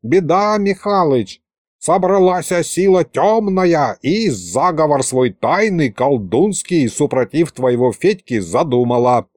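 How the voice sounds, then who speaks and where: A man voicing a chatty, excitable old male wizard with folksy rustic speech. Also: on the high side, slow pace, no room sound, clean studio sound.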